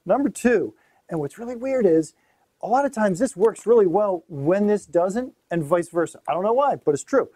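A man's voice: sits high, animated, normal speed, dark tone, dry recording. A middle-aged man hosting a fishing gear demonstration in a small tackle shop, talking in an upbeat, emphatic way. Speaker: host.

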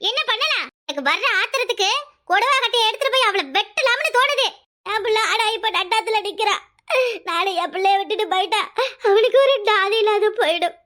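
A woman's voice: extremely high pitch, pushed and bright. A woman voicing an aggrieved village mother. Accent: Kanyakumari Tamil. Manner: complaining, theatrical. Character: aggrieved older village mother, bitter and scolding. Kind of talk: animated cartoon comedy dialogue.

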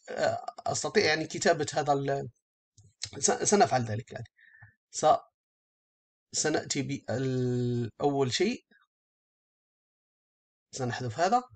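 A man with a fairly high voice teaches a software tutorial step by step, speaking haltingly and frequently rephrasing his explanations.

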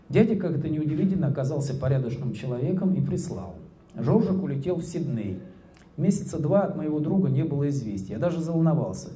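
Man in his 40s, author reading his own stories, calm and measured, very dark mellow voice, handheld mic, echoey hall. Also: medium pitch. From Russia. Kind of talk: public reading of short prose. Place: indoor hall at a book evening. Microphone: handheld microphone. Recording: roomy echoing hall.

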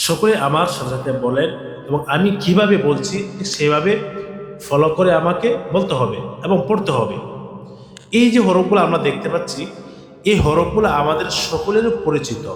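A man's voice: on the high side, echoey room, big-room sound. A man teaching adults to recite the Arabic letters, calling out each letter and having viewers repeat it after him, sometimes drawing the letter names out in a sung tone. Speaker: Quran teacher. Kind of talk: slow step-by-step recitation lesson.

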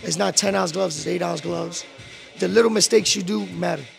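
A man in his twenties, a professional boxer, answering interview questions in a relaxed, slangy way with a handheld mic in a boxing gym. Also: high-pitched, moderate pace, creaky, faint music behind. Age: 20s. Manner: relaxed, street slang, many "bro" and "um". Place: boxing gym beside a ring, indoors.

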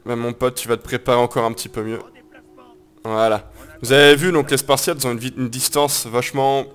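A man giving casual let's-play commentary on a strategy game, joking around, coining silly made-up words and swearing now and then. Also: mid-range voice. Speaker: gameplay commentator.

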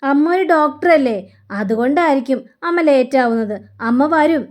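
Older grandmother from a TV serial, voiced by a woman, gentle, coaxing, high voice. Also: normal speed, lightly acted. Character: kindly older grandmother coaxing a child to eat.

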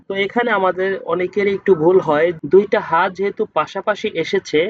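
A man teaching Quran reading, who spells out each letter and vowel mark and then slowly draws out the joined word. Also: high voice, muffled recording. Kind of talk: step-by-step spelling lesson.

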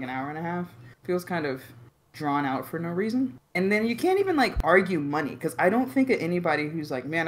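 A man's voice: a little high, fairly bright tone, a little hiss or hum. A man co-hosting a casual reaction podcast, rambling with hesitant restarts as he gives his take. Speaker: podcast co-host. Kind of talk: casual group reaction chat.

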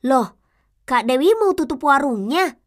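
A woman's voice: high-pitched, very animated, unhurried. A woman voicing a playful, teasing young village boy in a children's TV drama.

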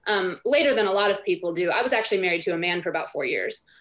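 A woman's voice: lowish voice, lively intonation, rapid-fire, a bit bright. A woman of thirty, an author guesting on a radio interview over a video call from home, speaking thoughtfully with many fillers like um and like. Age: 30s. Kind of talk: remote interview answers.

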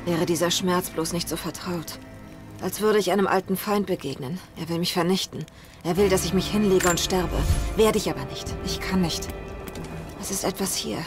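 A woman's voice: on the low side, fairly even intonation, normal speed, lightly acted. An actress playing a determined, lonely young woman adventurer in a video game, urging herself on in intense short phrases. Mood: pained, resolute. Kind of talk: dramatic video game acting. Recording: loud game music behind.

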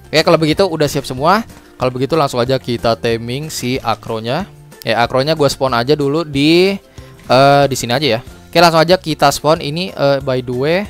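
Music runs under a gaming channel host's casual gameplay commentary as he teaches the game. He's a young man of medium pitch, chatty and upbeat, constantly addressing "guys" and shrugging off his slips with a quick sorry and a laugh.

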